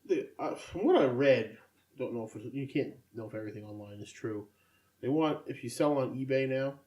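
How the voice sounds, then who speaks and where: A man's voice: medium pitch, a little mellow. Sardonic man chatting. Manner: rambling, sardonic asides. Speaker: podcast co-host. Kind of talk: casual chat.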